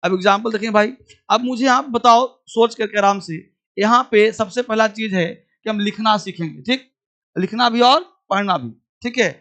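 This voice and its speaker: High-voiced male teacher. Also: a bit bright. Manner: repeats phrases slowly for dictation; questions the class and answers himself. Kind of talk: classroom grammar lesson.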